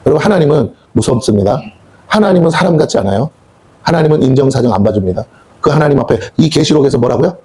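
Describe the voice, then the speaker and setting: A man preaching from a church pulpit, his voice sitting a little high. He drives the sermon at a very fast clip with emphatic, colloquial rhetorical questions. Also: dark tone. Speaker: pastor. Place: church sanctuary.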